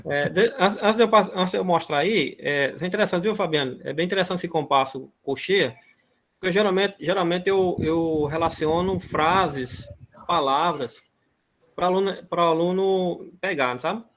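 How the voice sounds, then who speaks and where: High-voiced man teaching rhythm. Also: normal speed, a bit bright. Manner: explains rhythm by chanting syllables and words. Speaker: music teacher. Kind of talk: online music lesson. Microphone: video call.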